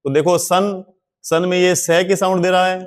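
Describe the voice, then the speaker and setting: A man teaching English pronunciation in a slow, classroom-style explanation, spelling words out letter by letter and repeating examples. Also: sits high, little pitch movement.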